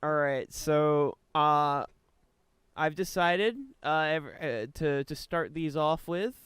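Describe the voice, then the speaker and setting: A man's voice: fairly high pitch, takes it slowly, a bit bright, clear, resonant tone, dry recording. A young man hosting a casual podcast chat, laughing often and tripping over his words as he repeats himself. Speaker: podcast host.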